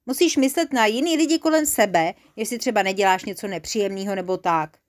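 A woman's voice: mid-range voice, lightly acted. A woman voicing a thoughtful little male creature in a children's storybook.

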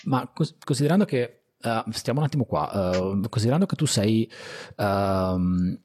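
A man's voice: fairly low pitch, expressive, normal speed, a little mellow. A man interviewing casually on a technical subject, thinking aloud through long questions and adding short affirmations.

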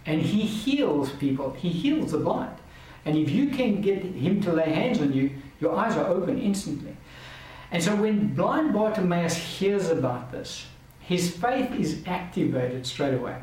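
A man's voice: sits high, big pitch swings, unhurried, a little mellow. A man giving a Bible teaching lecture in an earnest, emphatic way, driving points home through repetition. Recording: very echoey, distant mic, faint hiss.

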